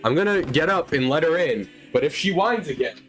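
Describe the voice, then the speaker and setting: A man's voice: a little high, expressive, a little fast, a bit bright. A young man chatting casually while streaming a game, rambling and correcting himself as he talks. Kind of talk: casual gaming stream chat. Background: faint game music.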